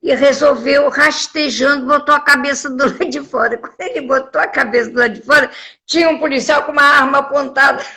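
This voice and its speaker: A woman, older, telling lively anecdotes as a guest in an interview. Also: high-pitched, brisk. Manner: lively storyteller, acts out quoted voices. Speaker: voice actress guest.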